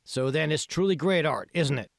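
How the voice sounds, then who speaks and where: In audiobook dialogue, a man voices a smug, self-assured tech billionaire who patronizes art, explaining and pressing his point in a smooth, self-assured mood. His gravelly voice is a little high and pushed up, at normal speed, recorded with clean studio sound and no room sound.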